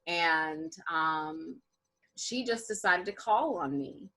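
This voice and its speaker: Lively lower-voiced woman telling a story. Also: slow pace. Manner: animated, laughing anecdote with restarts. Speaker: panelist. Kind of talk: panel discussion storytelling.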